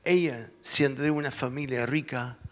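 A man's voice: medium pitch, normal speed, in a large hall. A male pastor telling a story in a church sermon, acting out the voices as he goes. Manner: lively storytelling, acts out the voices. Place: church sanctuary.

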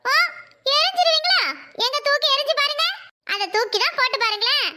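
Woman doing a shrill taunting in-law. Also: a little fast, background noise. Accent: Kanyakumari Tamil. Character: shrill scheming female in-law, middle-aged, bossy.

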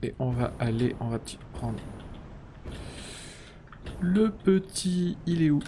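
A man in casual live-stream commentary at a middle pitch, talking half to himself as he places parts and counts them off. He keeps breaking into mock-pompous, self-ironic asides. A faint hiss sits under the voice. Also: a little fast. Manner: thinking aloud, counting and muttering while building. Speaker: streamer playing a factory-building game.

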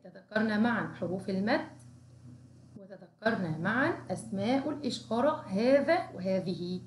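A woman kindergarten teacher leads a writing lesson, sounding out each syllable slowly and praising the children again and again. Her voice rings in a roomy, echoey space. A faint hiss of noise sits underneath. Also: medium pitch, a little mellow. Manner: encouraging, slow, sounds out syllables. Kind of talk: recorded Arabic writing lesson for young children.

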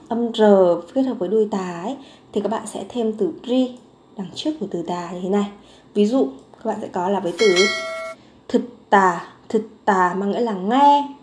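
Woman teacher going through grammar, patient, repeats words slow, mid voice, roomy echo. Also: mid-range voice, dark tone. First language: Vietnamese. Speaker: Korean language teacher. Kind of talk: grammar lesson explanation.

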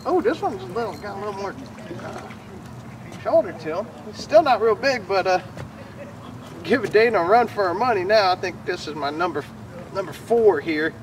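A middle-aged man hosting a fishing vlog talks in a folksy, informal way outdoors on a waterfront fishing pier and bench. His high voice is expressive at a normal speed, with a little hiss or hum. Picked up by a camera a few metres away, the distant outdoor sound sits under loud music.

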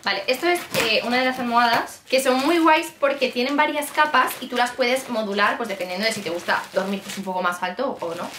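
Chatting to camera in a parked car and a bedroom, this twenty-something vlogger from Spain speaks with a Castilian accent, casually and expressively. Her fairly high voice runs a little fast, barely pausing, against a noisy background.

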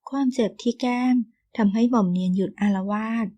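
A woman narrating an audio novel in an even, expressive storytelling manner. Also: medium pitch, a little fast, slightly rough, dry recording.

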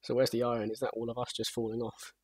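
A young man chatting casually with a friend while gaming, with a husky voice and dry, rambling humor. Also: mid-range voice, monotone, fast talker, darkish tone, no room sound. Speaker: co-host.

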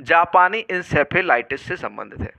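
A man's voice: fairly high pitch, lively intonation, moderate pace, creaky, pushed and bright. A man teaching an exam-prep lesson, quizzing students and repeating each question and answer back to them.

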